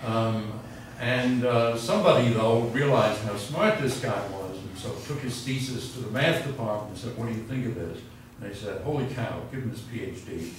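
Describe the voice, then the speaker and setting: This university physics lecture comes from an older man with a mid-range voice who keeps a moderate pace and hardly pauses, spinning digressive anecdotes, self-interrupting, and working through equations at the board. Recorded from afar in an echoey chalkboard hall, there's slight background noise.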